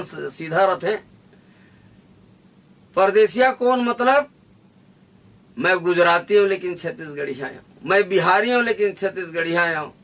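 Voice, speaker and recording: Man, Chhattisgarhi accent, fiery declaiming speech, high voice, bright tense tone, heard from a distance. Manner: forceful, declaiming, repetitive rallying lines. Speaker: interviewee, activist leader.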